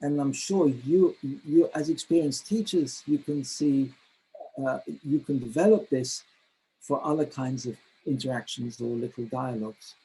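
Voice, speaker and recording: Halting man giving a webinar talk. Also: medium pitch, warm tone, breathy edge, low-quality recording. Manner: halting, many fillers and restarts. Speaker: teacher trainer giving a webinar. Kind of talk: webinar lecture.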